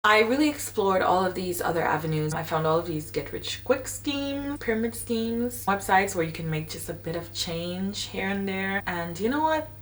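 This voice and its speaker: A woman's voice: medium pitch, lively intonation, normal speed, hardly any pauses, recorded from a distance. A woman, talking candidly and emphatically to camera at home. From Saint Vincent and the Grenadines. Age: late 20s. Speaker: vlogger. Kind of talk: casual talk to camera. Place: home in Hong Kong, bathroom.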